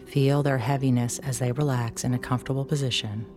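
A woman with a low voice narrates a guided relaxation in the manner of a sleep story. Her delivery is soothing and unhurried, with gentle pauses between instructions. Music plays behind her. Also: steady tone.

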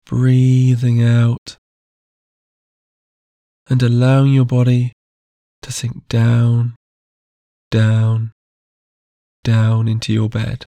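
Male sleep-meditation guide: soft, unhurried, warm and low-key, close and dry. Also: completely flat delivery, gravelly, dry recording. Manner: slow, soft and soothing.

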